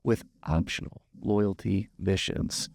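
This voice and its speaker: A man co-hosting a casual board game news show, talking in a relaxed way with lots of "uh" fillers. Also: low voice, takes it slowly, gravelly, no room sound, studio quality. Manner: relaxed, filler-heavy, plays up a movie-trailer voice. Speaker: podcast co-host. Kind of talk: casual gaming news chat.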